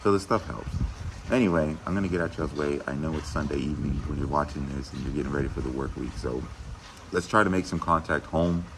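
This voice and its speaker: A man's voice: rumbling low, fast, background noise. A middle-aged man and school administrator talking earnestly and casually to teachers in a video message, with many "you know" fillers.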